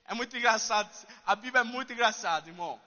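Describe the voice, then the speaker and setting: A preacher delivers a lively, humorous sermon, talking straight to his listeners. His voice is very high and bright, and a long reverb trails off it. The sound is a little dull. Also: fast. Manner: animated, humorous, addresses the congregation directly.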